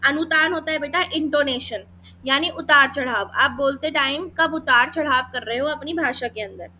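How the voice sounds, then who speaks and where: Bright high-voiced woman teacher. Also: slight background noise. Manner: addresses students as beta, mixes English terms; demonstrates sounds slowly. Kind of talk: exam-prep lesson.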